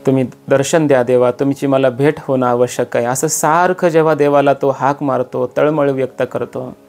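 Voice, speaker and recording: A male kirtan preacher giving a devotional sermon, slowing to chant quoted verses and rising in pitch for emphasis. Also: a little mellow.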